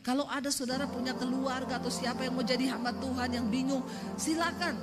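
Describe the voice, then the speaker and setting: A woman's voice: high-pitched, a little fast, loud music behind the voice. Emphatic woman preaching in a hall. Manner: emphatic, lively storytelling with acted quotes. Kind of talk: sermon. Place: church hall. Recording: long reverb of a church hall.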